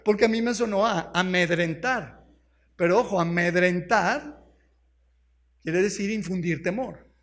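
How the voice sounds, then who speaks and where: A Mexican pastor with a notably high voice delivers a sermon. He keeps turning to the congregation with questions and walks through word meanings one by one. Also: measured pace, long pauses, fairly bright tone. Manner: explains words step by step.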